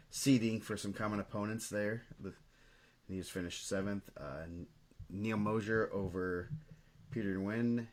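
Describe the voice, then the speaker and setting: A man co-hosting a casual podcast about high school wrestling, running through results in a steady, list-like way. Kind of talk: casual sports chat.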